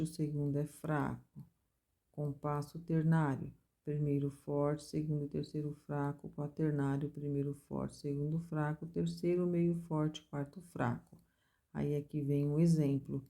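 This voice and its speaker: A woman with a low, mellow voice teaches a music theory class. She explains each point step by step and chants rhythm syllables to mark the strong beats. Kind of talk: recorded music theory lesson.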